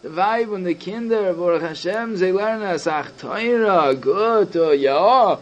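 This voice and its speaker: A talkative, fussy secretary full of rambling, teasing questions, as a storyteller puts him on. The voice sits high for a man and stays light and easygoing. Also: a little slow, lo-fi sound. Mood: warm greeting. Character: chatty, friendly male secretary, fussy and jokey.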